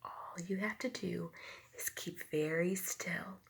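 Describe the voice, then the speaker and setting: Amid heavy background noise, a woman teacher with a lowish, creaky voice reads slowly from a picture book to young children. She acts out sound words with whispers and loud calls, asks questions, and keeps explanations simple.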